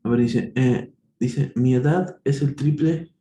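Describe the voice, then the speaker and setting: Working through math problems one step at a time, this online tutor thinks out loud, catches his own mistakes, and stays slow and patient. He has a warm, mid-range voice. Faint noise and room echo are audible in the recording.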